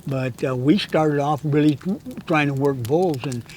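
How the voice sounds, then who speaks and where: A man's voice: fairly high pitch, fairly even intonation, measured pace, darkish tone, slight background noise, poor audio. A man in his eighties telling hunting stories outdoors in a canyon, rambling and often stammering and repeating his words. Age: 80s. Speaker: interviewed guest, hunting guide. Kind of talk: casual storytelling chat.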